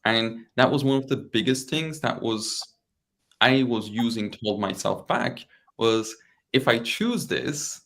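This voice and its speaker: A young man from Turkey talks to a small group, and his speech is loose and rambling. He says "like" over and over and repeats his phrases. His voice sits at an ordinary, middle pitch for a man. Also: expressive, unhurried, a bit bright. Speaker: guest speaker. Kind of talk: casual group talk.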